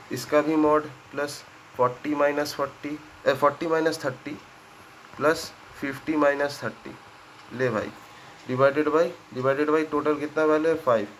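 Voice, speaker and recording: A man's voice: a little high, poor audio. Man teaching, checking in after every step. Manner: conversational, checks in often with "ठीक है?", works sums aloud. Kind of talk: whiteboard statistics lesson. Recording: faint background noise.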